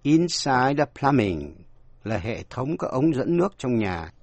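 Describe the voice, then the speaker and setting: Slow, measured man teaching vocabulary. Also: medium pitch, very animated, a little mellow, dry recording. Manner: spells out words letter by letter, measured. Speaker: language teacher. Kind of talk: scripted radio lesson.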